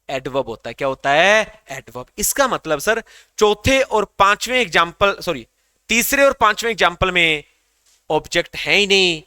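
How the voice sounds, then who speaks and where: High bright-voiced teacher quizzing his class. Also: clean tone, dry recording, clean studio sound. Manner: call-and-response questioning, repeating questions to students. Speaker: English grammar teacher. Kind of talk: classroom grammar lesson. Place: classroom with students.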